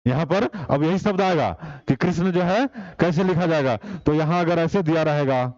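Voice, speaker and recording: A man's voice: fairly high pitch, normal speed, darkish tone, no room sound, dull audio. A man teaching an online exam-prep class, explaining step by step and putting rhetorical questions to the class.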